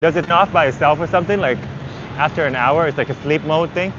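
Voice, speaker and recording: This man speaks fast in a higher-pitched voice, a native Vietnamese speaker rambling casually in English as he thinks aloud, much like a travel livestreamer on foot. He's outdoors on a busy city street, and the dull recording is swamped by loud traffic, vehicles and urban noise.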